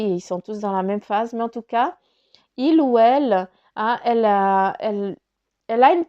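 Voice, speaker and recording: A woman's voice: fairly high pitch, mellow, dull audio. A woman giving a casual spoken card reading, rambling with many fillers and restarts, her nose stuffy from crying. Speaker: spiritual card reader.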